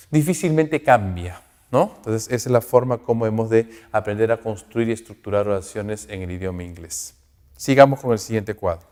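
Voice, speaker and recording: A man's voice: mid-range voice, dark tone. Man teaching grammar in an echoey room. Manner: explains slowly, checks in often with "¿ok?" and "¿no?"; sounds out English examples slowly and carefully. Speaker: English teacher. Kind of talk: recorded online grammar lesson. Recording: long reverberant echo.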